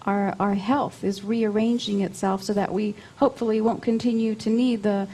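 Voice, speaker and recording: A woman's voice: medium pitch, steady tone, moderate pace, mellow, slightly rough. A woman being interviewed, explaining things conversationally and often repeating her phrases as she goes. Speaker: interview guest, spiritual channeler.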